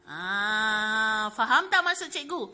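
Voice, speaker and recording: A woman's voice: on the high side, expressive, slow, bright, forceful tone. A Malaysian woman teacher with a Malay accent giving a lesson to young pupils, chatty and full of fillers like "okey" and "ha". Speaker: primary school teacher. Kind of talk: classroom lesson explaining poetry.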